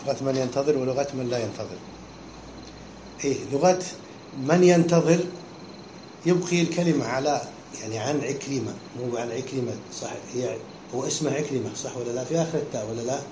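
A man's voice: medium pitch, brisk. A man teaching a class, explaining a text step by step and often stopping to ask his listeners whether they follow. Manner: keeps checking understanding with short questions. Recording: echoey room with faint background hum.

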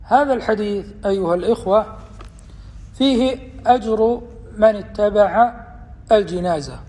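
A man giving a religious lesson, explaining hadith in a measured, deliberate way and slowing down for quotations. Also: sits high, darkish tone. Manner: measured, deliberate explanation with slow quoted passages. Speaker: Islamic teacher. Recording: long hall reverb.

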